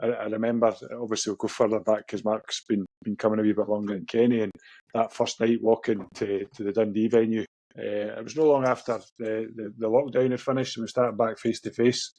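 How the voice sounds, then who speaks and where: A man's voice: on the low side, level tone, brisk, dark tone, dry recording. A man with a Scottish accent hosting a podcast in an informal, matey, chatty way. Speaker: podcast host. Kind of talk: casual chat, interviewing.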